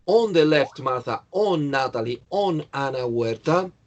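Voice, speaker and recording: Slow-talking teacher. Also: male voice, medium pitch, animated, lo-fi sound. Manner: slow, patient, correcting students by name. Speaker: English teacher. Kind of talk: online class, checking answers.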